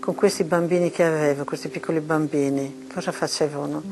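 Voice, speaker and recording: An older woman from Sardinia with a Sardinian Italian accent, haltingly recalling hard years in an interview. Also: low-pitched, fairly even intonation, over music. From Carbonia, Sardinia. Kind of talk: reminiscing in an interview.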